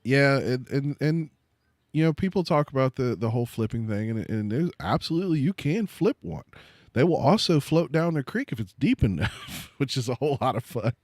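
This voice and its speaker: A man with a middle-pitched voice chats casually, rambling and stopping to restart his sentences. The sound is dry and close, with no room echo. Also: animated, darkish tone. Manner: rambling, halting, many fillers and restarts. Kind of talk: casual chat.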